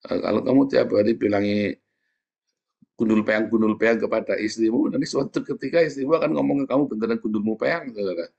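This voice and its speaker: Husky-voiced preacher a lilt. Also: male voice, lowish voice, fast, dull audio. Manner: lively, joking, teasing with rhetorical questions. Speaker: pastor. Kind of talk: sermon.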